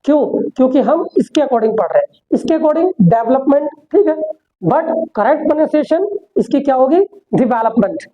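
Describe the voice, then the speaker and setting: A woman's voice: high voice, expressive, warm tone. A woman teaching an English pronunciation lesson, mixing Hindi and English, repeating words and asking the class questions. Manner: repetitive, asks the class questions; slows down sharply for English sentences. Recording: dull, lo-fi sound.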